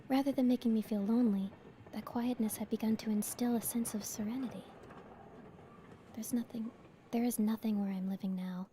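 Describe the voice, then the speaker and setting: A woman from New York giving soft, hushed voice to the narrator of a horror visual novel, as a whispered role-play. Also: on the high side, steady tone, moderate pace, long pauses, a little hiss or hum, natural voice.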